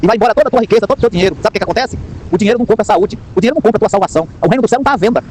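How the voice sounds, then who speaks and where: A man's voice: high voice, racing, darkish tone, rough recording. A man preaching an informal sermon into his phone, fervent and repetitive, with many rhetorical questions. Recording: outdoor phone recording with traffic noise.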